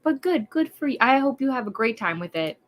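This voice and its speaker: A woman from Wisconsin hosting a livestream, her voice sitting a little high. She chats in a bubbly, rambling way with lots of fillers, hyper from too much caffeine. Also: big pitch swings, a little fast. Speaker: livestream host. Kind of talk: casual livestream chat.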